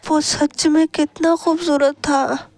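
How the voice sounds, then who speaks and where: Brief: a woman voicing a shy, reserved young man, hesitant and stammering, high and dry. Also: steady tone, a little slow, a little mellow, dry recording. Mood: flustered. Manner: hesitant, stammering, muttering to himself. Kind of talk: storybook reading.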